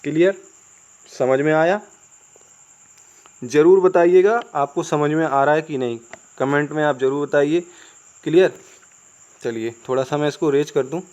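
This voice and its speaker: A man's voice: fairly high pitch, a little slow, pauses often, darkish tone. Chatty Indian man teaching spelling rules. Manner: chatty, asks the viewers "clear?" often; spells words out letter by letter. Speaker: English teacher. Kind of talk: casual Hindi classroom explanation.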